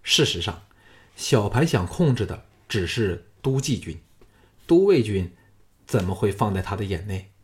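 A man reading a martial fantasy novel aloud in a steady storytelling voice. His voice sits low. He keeps an even, practiced pace as audiobook narrator. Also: measured pace.

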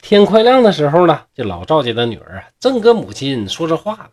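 A man with a Northeastern Mandarin accent narrating a classic ghost tale in a humorous, chatty way, drawing out his filler words. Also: on the high side. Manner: lively, chatty, drawn-out fillers. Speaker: storyteller.

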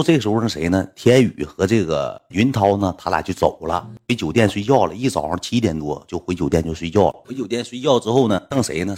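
A man's voice: deep voice, a little mellow. A man with a Northeastern Mandarin accent telling a funny anecdote in a rambling, repetitive, colloquial way with some swearing. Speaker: storyteller. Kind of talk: casual anecdote storytelling.

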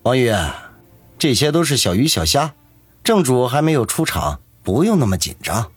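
A man doing a cold, husky innkeeper boss. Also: mid-range voice, sing-song, normal speed, faint music behind, pitched above the performer's own voice. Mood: calm. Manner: curt, commanding. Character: cold, imposing middle-aged male innkeeper.

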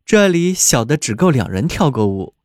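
A man reading a fairy tale aloud with an expressive, descriptive delivery. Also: mid-range voice, normal speed, no room sound, studio quality. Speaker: storyteller.

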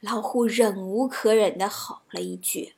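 A woman reading children's stories aloud, in a gentle storybook narration with a soft delivery. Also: medium pitch, fairly even intonation, unhurried, gravelly.

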